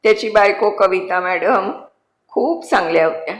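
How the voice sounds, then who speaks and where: एक शांत, नम्र कैदी पुरुष, जो आदराने आणि दबक्या आवाजात आपली कहाणी सांगतो, एका स्त्रीने वाचलेला. हे कथावाचन आहे आणि आवाजाला खोलीचा घुमारा आहे. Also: female voice, medium pitch, moderate pace, natural voice. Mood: subdued, solemn. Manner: respectful, subdued, addresses the jailer as sir. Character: humble male convict, quiet, remorseless protector. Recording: roomy echo.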